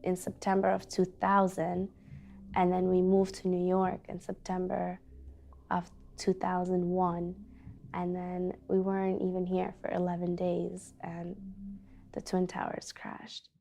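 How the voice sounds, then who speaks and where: A woman's voice: on the low side, monotone, unhurried, creaky, mellow. A young woman from Afghanistan, a teacher, speaking earnestly and reflectively in a documentary interview, with frequent "like" and "you know". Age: young adult.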